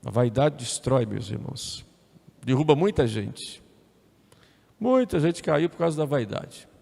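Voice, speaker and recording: With a dark, gravelly mid-range voice, a male priest speaks expressively and at a measured pace through his homily. His sermon style is conversational, full of repetition and tag questions. Long reverb echoes through the church.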